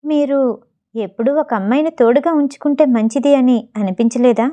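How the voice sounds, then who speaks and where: A woman voicing an earnest, self-reliant young actress in an audiobook story, speaking with quiet conviction. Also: high-pitched, brisk, lightly acted.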